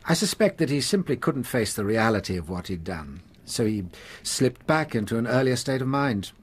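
Husky, earnest Doctor Watson. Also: male voice, medium pitch, sing-song, moderate pace. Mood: sombre. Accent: English. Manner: earnest, plain-spoken. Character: earnest, compassionate Victorian English doctor, detective's companion. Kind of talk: radio drama acting.

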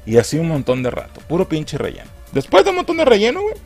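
Young Mexican man, film reviewer, crude mocking recap, very lively pitch, faint music bed. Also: quick pace, vocal fry, breathy edge. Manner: crude, mocking slang, lively put-on character voices.

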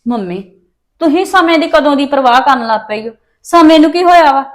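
A woman's voice: sits high, expressive, fairly quick. A young woman with a Punjabi accent playing a daughter who pleads and argues with her mother in a family drama. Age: young adult. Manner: pleading, defensive.

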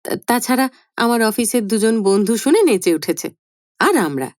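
A woman voicing a grown son in a storybook reading, hurried and sheepish, talking too much to cover his unease. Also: on the high side, big pitch swings, darkish tone, no echo, clean studio sound. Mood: flustered. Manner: hurried, over-explaining, sheepish. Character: anxious grown son, eager and flustered. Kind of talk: audiobook character voice.

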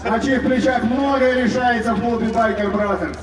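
A man's voice: very high voice, steady tone, moderate pace. A man announcing a fight live in the style of a fighting game announcer, heard over a PA. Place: outdoor fight event, crowd around sand ring. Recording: distant echoing PA, loud outdoor crowd.

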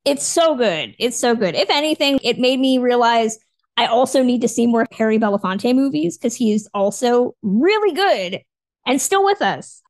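A woman's voice: fairly high pitch, lively intonation, moderate pace, no room sound. Upbeat woman podcast co-host. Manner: upbeat, recommending. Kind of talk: casual chat.

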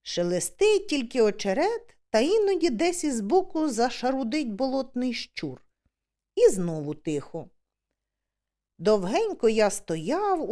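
Female audiobook reader, high and animated, expressive comic storytelling. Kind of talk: humorous storytelling narration.

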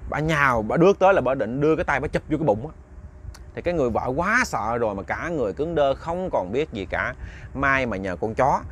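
A man's voice: medium pitch, fairly bright tone. A man with a Southern Vietnamese accent telling a ghost story, chatty and talking straight to his listeners. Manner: chatty, addresses listeners directly.

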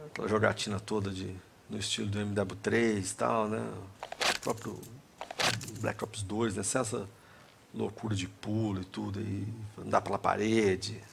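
A man's voice: fairly low pitch, little pitch movement, normal speed, gravelly. A man with a Brazilian accent giving casual, rambling, slangy commentary over a video game. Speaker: gaming commentator. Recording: very noisy, clicking in background.

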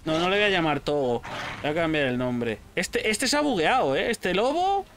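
Excitable Spanish gamer, high lively voice. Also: male voice, moderate pace, slight background noise. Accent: Spain Spanish. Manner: excitable, shouting at animals, swears freely. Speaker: gaming channel host. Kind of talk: casual gameplay commentary.

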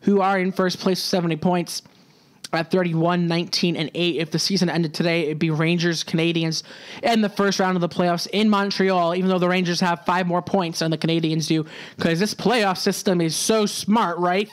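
A young man with a notably high voice hosts his solo sports podcast. He talks casually and keeps restarting his sentences. Now and then he drops a sarcastic aside. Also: steady tone, brisk. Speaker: podcast host. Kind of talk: solo hockey podcast talk.

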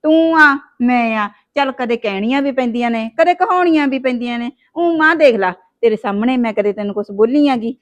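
A woman's voice: fairly high pitch, brisk, hardly any pauses, natural voice. A woman, playing a scheming daughter-in-law who scolds and wheedles in a village family drama. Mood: wheedling. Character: sharp-tongued scheming young daughter-in-law.

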